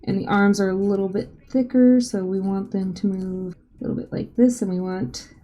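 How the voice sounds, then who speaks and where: Mellow-voiced woman, chatty tutorial host. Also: medium pitch, fairly even intonation, normal speed. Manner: chatty, informal, lightly self-joking. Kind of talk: casual tutorial voice-over. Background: faint background music.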